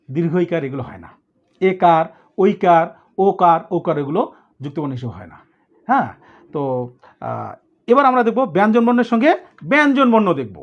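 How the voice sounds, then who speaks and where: A male teacher giving a grammar lesson for students. He explains step by step, keeps checking in with the class and mixes in English words. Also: high-pitched. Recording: dull lo-fi recording.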